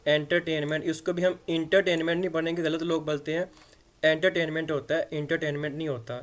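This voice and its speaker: A man teaching English grammar in a conversational way, spelling words out letter by letter and often checking that listeners follow. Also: a little high. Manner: conversational, checks understanding with repeated "theek hai". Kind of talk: explanatory lesson in Hindi-Urdu.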